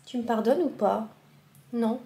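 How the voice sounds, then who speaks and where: A woman's voice: a little high, unhurried, mellow. A woman filming a casual daily vlog in her home kitchen. She chats in a frazzled, self-mocking way and keeps talking to her cat. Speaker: vlogger. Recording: echoey kitchen with faint room noise.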